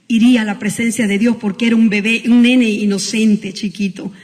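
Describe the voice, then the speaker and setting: Woman pastor, emotional storytelling sermon, many restarts, long reverb of a large hall. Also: a little high. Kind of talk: Christmas sermon. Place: school hall used as church.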